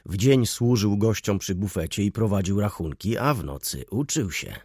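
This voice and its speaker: A man voicing a gray-haired elderly councillor who mutters slowly and dismissively, with a husky voice. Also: lowish voice, lively intonation, a little mellow, dry recording, studio quality. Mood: reminiscing. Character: gray-haired elderly male councillor, grumbling beer drinker.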